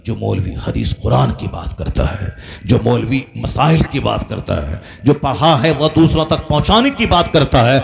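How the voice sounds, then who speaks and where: A man's voice: mid-range voice, very animated, moderate pace, vocal fry, hardly any pauses. A man preaching a sermon, building his points through repeated refrains and rising to impassioned peaks. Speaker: Islamic preacher.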